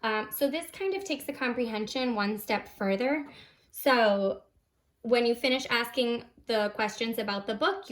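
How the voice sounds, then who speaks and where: A woman teaching an early reading lesson, explaining patiently step by step in simple phrases and modelling examples for young learners. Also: mid-range voice. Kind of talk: instructional demonstration of a kindergarten reading lesson.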